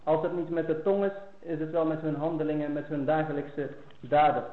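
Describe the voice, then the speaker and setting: A man giving an earnest Islamic lecture to his brothers and sisters, rising in force on key phrases. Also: high-pitched. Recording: echoey phone-like lo-fi recording.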